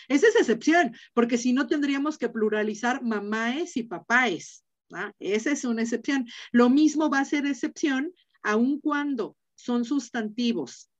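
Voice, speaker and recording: Middle-aged woman, Mexican accent, teacher on a video call, higher voice, dull lo-fi audio. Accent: Mexican Spanish. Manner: chatty, asks students questions, many fillers. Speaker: Latin teacher. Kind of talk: online class lecture.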